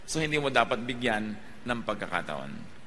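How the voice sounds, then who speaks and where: A Filipino man preaching a sermon, moving between soft, slow asides and loud, fast emphatic bursts. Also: medium pitch, sing-song, a little hiss or hum. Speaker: pastor. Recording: long hall reverb with faint music behind.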